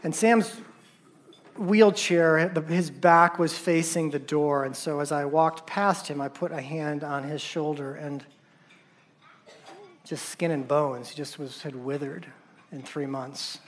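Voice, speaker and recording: A man who works as a surgeon tells a personal story at a conference, halting and repeating words, his voice dropping soft at painful moments. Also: a little high, steady tone, slight background noise.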